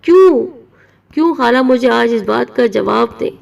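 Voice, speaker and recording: A woman's voice: a little high, fairly even intonation, creaky, recorded from a distance. A woman playing a hurt, pleading young niece. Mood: upset. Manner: pleading, earnest.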